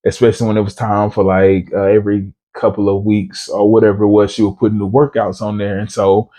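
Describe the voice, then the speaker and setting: A man with a low, mellow voice delivers a motivational podcast monologue. He speaks earnestly and repeats himself for emphasis. He keeps his delivery fairly even and often turns to the listener with a casual check-in. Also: brisk. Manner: earnest, repetitive, conversational, often asks "you know what I'm saying?". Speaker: podcast host.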